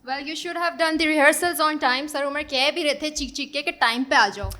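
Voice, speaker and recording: A woman's voice: sits high, fast talker, pushed and bright. A young woman with a Pakistani accent co-hosting a ceremony in a scripted presenting style. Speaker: event co-host.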